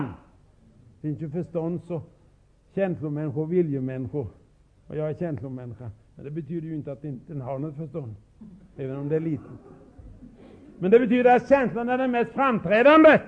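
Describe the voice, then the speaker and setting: Emotional older male revival preacher. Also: on the high side. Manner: emotional, swings from loud exclamations to hushed asides. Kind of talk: revival sermon. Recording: tinny narrow-band old recording.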